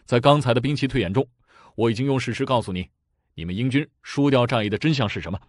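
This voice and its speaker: A man voicing a cold, scornful Chinese army commander who lectures in a stern, even tone. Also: mid-range voice, quick pace, dry recording, studio quality, close to an everyday voice.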